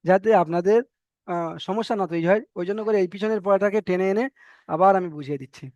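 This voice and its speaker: A man teaching an online reading class, sounding out letters slowly and repeating them for his students. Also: high voice, a little mellow, dry recording. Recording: dry, slightly muffled online class audio.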